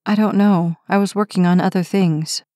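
A tired, guarded young woman answers softly and evasively in an audiobook romance, as a woman reads her. Her voice is at a middle pitch. The recording is close and dry. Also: steady tone, normal speed, no echo, lightly acted. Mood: weary. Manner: soft, evasive. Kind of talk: audiobook character reading.

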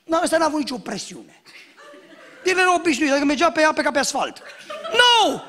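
A man preaching a sermon as pastor, telling jokes and acting out shouted lines and dialogue. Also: very high voice. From Romania. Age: young adult. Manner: animated storytelling, acts out shouts and dialogue, jokes.

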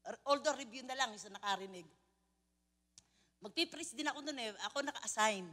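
A Filipino woman preacher giving an animated sermon, telling stories with frequent laughter. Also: a little high, fairly quick, long reverb tail. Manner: animated storytelling, mixing in laughter and English phrases.

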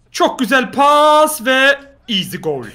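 High-pitched young man joking over a match. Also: sing-song, very slow, pushed and bright. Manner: joking, mocking, cheering his players. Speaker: opponent player. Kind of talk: casual gameplay banter.

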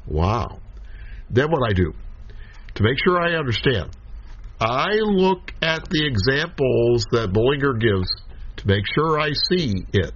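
A man teaching a Bible study lecture, slow and deliberate, pausing between short phrases as he explains scripture. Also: mid-range voice. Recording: dull lo-fi recording.

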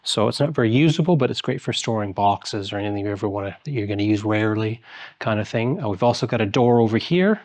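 A man's voice: lowish voice, animated, fast talker, a little mellow, no echo. A man in his forties giving a casual, rambling tour of his garden and garage, with many fillers and restarts. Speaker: homeowner giving a house tour. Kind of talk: casual walkthrough narration. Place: outdoor garden and large garage of an old house.

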